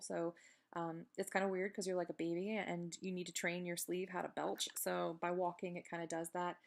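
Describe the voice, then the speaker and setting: A woman's voice: lowish voice, vocal fry. A woman giving a casual, chatty video update while recovering the day after surgery, candid and self-deprecating, wandering into digressions. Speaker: video blogger giving a personal health update.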